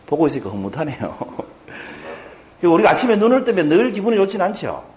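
A man giving a motivational lecture to a live audience, telling stories and asking the listeners questions in an animated way. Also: sits high, quick pace.

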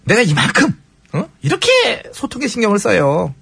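Husky guy on radio doing a bossy king bit, high voice, swings all over. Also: wildly swooping pitch, moderate pace, fairly bright tone, no echo. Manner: pompous, bossy, playful. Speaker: radio host. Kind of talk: comic skit as a pompous king. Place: radio studio.

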